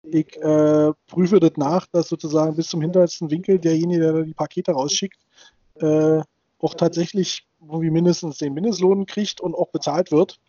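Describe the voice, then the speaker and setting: A man's voice: on the high side, little pitch movement, moderate pace, mellow, breathy edge, dry recording. A man in his thirties co-hosting a casual podcast, rambling with many fillers and restarts. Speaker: podcast co-host. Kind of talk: casual chat. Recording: dull dry sound.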